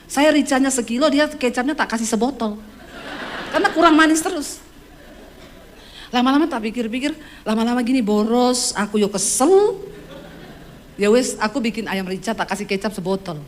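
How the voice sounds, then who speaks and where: A woman pastor with a Sulawesi accent preaches with emphatic, comic storytelling. Her voice sits fairly high and swoops widely, with lots of lift and drop. The delivery is animated and punchy throughout. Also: moderate pace, pauses often, a little hiss or hum. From Sulawesi, Indonesia. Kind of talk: sermon with humorous storytelling.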